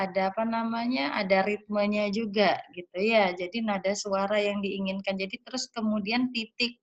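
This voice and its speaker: A woman's voice: medium pitch, lo-fi sound. A woman lecturer talking her students through slides in a chatty way, with many fillers and tag questions.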